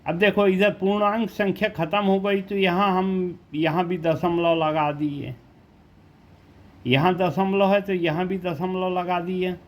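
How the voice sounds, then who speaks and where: A man's voice: high voice, fairly even intonation, a little slow. A male teacher from India explaining a math lesson step by step, often asking rhetorical questions.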